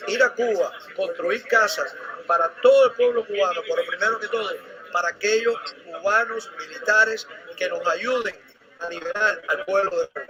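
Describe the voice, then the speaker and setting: Earnest man over a clear crowd. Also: high voice, low-quality recording. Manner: earnest, repeats phrases for emphasis. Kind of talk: speaking to press. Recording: news clip with crowd noise.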